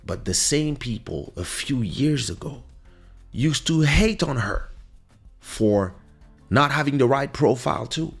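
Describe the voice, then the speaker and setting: Animated yet unhurried, this mid-range male voice carries vocal fry and a husky edge, with faint music in the background. He is a podcast host from Paris, originally born in Kinshasa, Congo, and moved there at seven; speaking English with a French accent, he reflects emphatically without a script, repeating phrases for emphasis.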